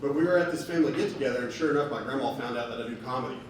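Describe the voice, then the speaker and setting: A man doing a stand-up comedy set in a bar, telling stories with deadpan delivery. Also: mid-range voice, racing. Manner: deadpan storytelling with acted quotes. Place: bar stage with laughing audience. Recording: echoey bar room from far off, noisy.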